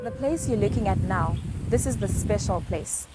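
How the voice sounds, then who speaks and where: A woman guiding viewers through a church prayer site, narrating in a steady, reverent, explanatory way. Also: medium pitch, normal speed. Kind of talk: documentary narration. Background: music.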